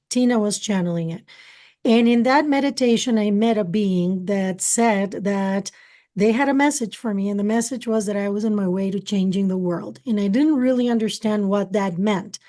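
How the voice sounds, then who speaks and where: Speaking at a normal speed with a medium pitch and darkish tone, a middle-aged woman from Costa Rica gives interview answers about her life. She's a spiritual channeler and native Spanish speaker, and she talks earnestly.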